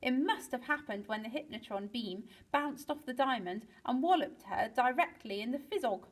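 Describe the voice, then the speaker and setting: A woman's voice: on the high side, normal speed, poor audio. Woman reading a children's story aloud. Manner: lively storytelling with big swings for excitement. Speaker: teacher reading to pupils.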